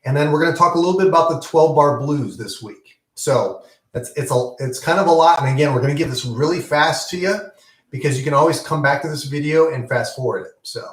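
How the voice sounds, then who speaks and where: A man's voice: fairly high pitch, a little fast, roomy sound. A man teaching an online guitar lesson in a casual, encouraging way, with many ums and okays. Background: guitar playing.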